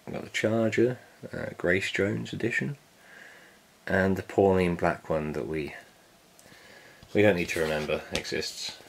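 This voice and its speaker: A man with a low, deep voice and a gravelly, fry-heavy edge talks through an unboxing in a relaxed, offhand way. He cracks small jokes and drops the odd swear word as he goes. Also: measured pace, long pauses, a little hiss or hum. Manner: laid-back, jokey, swears casually. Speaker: vinyl collector vlogger. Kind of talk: casual unboxing chat.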